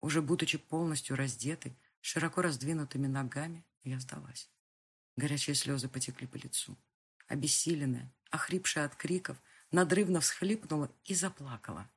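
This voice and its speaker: A woman narrating a first-person audiobook with a husky voice and tense dramatic reading. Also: low voice, moderate pace.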